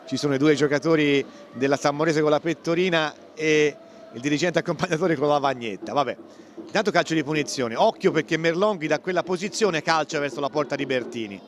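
Brisk and fairly high-pitched, an Italian commentator calls a football match live, play by play. Faint sounds of the stadium crowd and the outdoors sit in the background.

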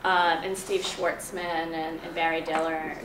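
A woman's voice: sits low, flat delivery, unhurried. Woman presenting in an echoey room. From Kenya. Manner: conversational, many ums and restarts. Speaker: venture investor giving a talk. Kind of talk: conference presentation. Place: meeting room in front of a projector screen. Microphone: room mic from a distant camera. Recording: echoey room, far from the mic, audible room noise.

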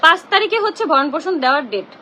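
Very high, fast, tense young woman. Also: lively intonation, sharp tone, a little hiss or hum. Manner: indignant, confrontational, repeats herself. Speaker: live-streamer. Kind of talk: emotional live-stream rant. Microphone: phone.

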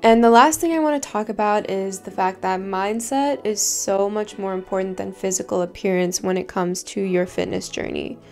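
A woman's voice: mid-range voice, moderate pace, vocal fry, hardly any pauses, faint music behind. Young woman giving casual fitness advice. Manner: earnest, relaxed, lots of "like". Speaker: fitness vlogger. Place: bedroom, home studio and parked car.

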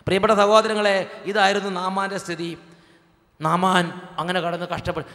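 High, gravelly preaching priest in an echoey hall. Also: male voice. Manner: dramatic preaching, sudden swings from hushed to loud. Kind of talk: sermon.

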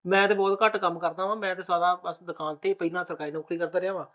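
A man plays a young husband soothing his new bride, talking very fast in a fairly high voice. The recording is dull and lo-fi, like a low-budget village drama. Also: little pitch movement, natural voice. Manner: rapid, reassuring, soothing. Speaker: groom. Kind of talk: village family drama acting.

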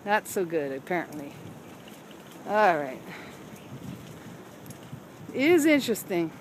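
A woman's voice: lowish voice, big pitch swings, slow, rough recording. A woman giving wry, questioning running commentary while she films a walk through a seaside park. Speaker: vlogger filming a walk. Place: outdoors in a seaside park by a road. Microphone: handheld phone camera. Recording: outdoor phone audio with wind and traffic noise.

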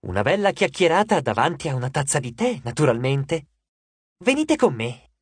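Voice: medium pitch, big pitch swings, moderate pace, breathy edge, dry recording. An audiobook narrator voicing a vain, glamorous goddess of love who talks in a gushing, condescending and theatrical way. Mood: sweetly ominous. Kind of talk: audiobook character voice.

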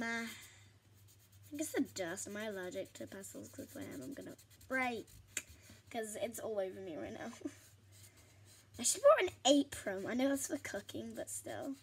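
A woman's voice: a little high, slight background noise. Giggly woman rambling while drawing. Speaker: vlogger. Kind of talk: chatty art vlog narration.

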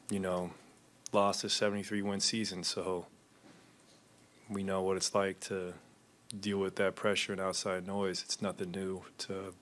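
Low flat-voiced man at a press podium. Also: slight background noise. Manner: measured, low-key, frequent fillers. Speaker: basketball player. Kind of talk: postgame press conference answers. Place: arena press room. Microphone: desk microphone.

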